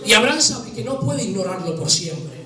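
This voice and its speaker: High-voiced impassioned preacher man. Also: big pitch swings, moderate pace. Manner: impassioned, swings between hushed and loud. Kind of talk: dramatic sermon storytelling. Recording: echoey room from far off with music.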